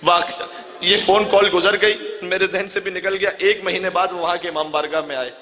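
In a high, bright voice with fairly even intonation, a man delivers a mourning sermon, telling the story passionately as his emotion builds. The recording is dull and lo-fi, and his words echo with long reverb through a large hall.

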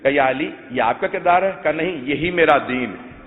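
A man preaching a sermon, telling stories to his listeners and breaking into loud sung recitation of verses. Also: a little high. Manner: addresses listeners as dear ones, tells stories. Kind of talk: Shia majlis sermon with sung poetry. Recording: tinny phone-like sound with long hall echo.

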